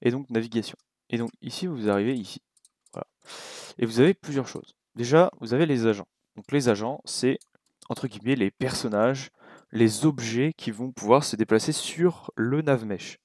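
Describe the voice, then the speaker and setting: A young man with a French accent giving a relaxed, casual coding tutorial at his computer, thinking aloud with many fillers and asides. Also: medium pitch, moderate pace, dry recording. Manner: relaxed, talks while clicking, many fillers and little asides. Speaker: game development tutor.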